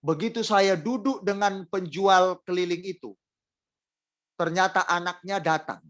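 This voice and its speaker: A man preaching a sermon, speaking straight to the congregation and repeating phrases for emphasis, with emotional swings between loud and soft delivery. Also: high-pitched, fairly even intonation, unhurried.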